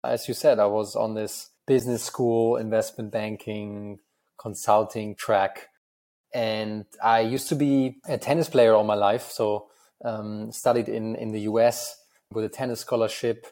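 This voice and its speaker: A man's voice: on the low side, steady tone, a little slow, a little mellow. A man in his thirties from Germany, speaking with a German accent. He is a guest entrepreneur in a casual interview, earnest and talkative, often repeating a word as he restarts a phrase.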